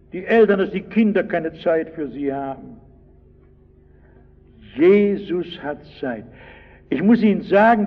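A man preaching a sermon, telling stories dramatically and speaking straight to his listeners. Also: high voice. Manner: dramatic storytelling, addresses listeners directly. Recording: lo-fi recording with long hall reverb.

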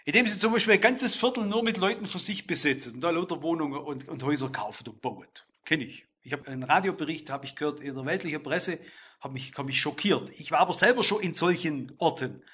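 High bright husky male preacher. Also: animated. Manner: addresses listeners directly, emphatic with slow stressed phrases. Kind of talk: sermon.

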